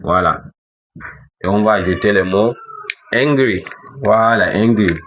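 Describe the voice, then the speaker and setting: A man with a fairly low voice gives an English lesson. He talks hesitantly, with many fillers and restarts. He repeats key words and spells them out letter by letter. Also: steady tone, normal speed, a bit bright, slight background noise. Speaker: English teacher. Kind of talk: French-language English lesson.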